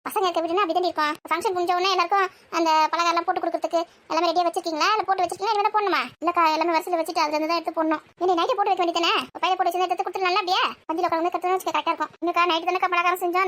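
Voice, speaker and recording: High bright village lady nagging everyone, fast fast talk. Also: steady tone. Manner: scolding, nagging, quick back-and-forth. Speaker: village housewife in a family skit. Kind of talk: acted everyday family banter.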